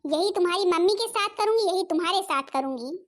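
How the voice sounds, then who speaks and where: A woman voicing an angry, sharp-tongued young daughter-in-law in a cartoon, scolding and snapping. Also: extremely high pitch, animated, fairly quick. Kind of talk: Hindi cartoon voice acting.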